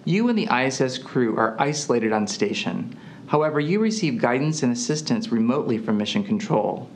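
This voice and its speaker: A middle-aged man speaks as an institutional representative at a medium pitch. His delivery is formal and scripted, like a prepared statement to educators, recorded indoors in a studio. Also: sing-song, a little fast, a little hiss or hum. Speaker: space education center representative. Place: indoor studio with plain backdrop.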